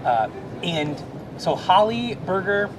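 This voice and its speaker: A man's voice: sing-song, slow pace. A middle-aged man talking earnestly and with feeling in a casual chat, with many restarts. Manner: earnest, emotional, rambling with restarts. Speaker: Salvation Army officer. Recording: noisy background rumble.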